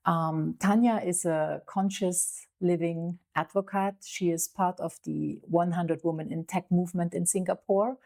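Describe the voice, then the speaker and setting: Slow, hesitant woman podcast host. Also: on the low side, fairly even intonation, creaky, a little mellow. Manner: slow, hesitant, many fillers. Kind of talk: interview.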